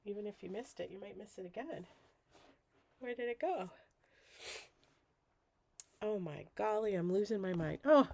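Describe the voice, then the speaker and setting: A woman with a gravelly, slightly mellow mid-range voice chats her way through a crafting livestream while groggy with a cold. She rambles casually and is self-deprecating.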